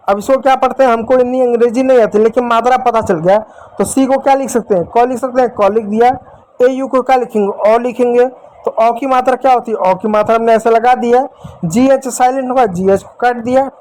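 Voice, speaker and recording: High-pitched Indian man teaching English. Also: a little mellow, low-quality recording. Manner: repetitive, asks questions then answers them. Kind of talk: classroom lesson at a board.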